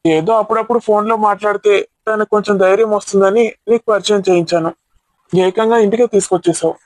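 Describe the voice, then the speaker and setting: A man's voice: sits high, fast, no echo, close to an everyday voice, low-quality recording. A man playing a playful husband who teases his wife and argues in mock protest. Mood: teasing. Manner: teasing, mock-argumentative. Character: teasing, playful middle-aged husband.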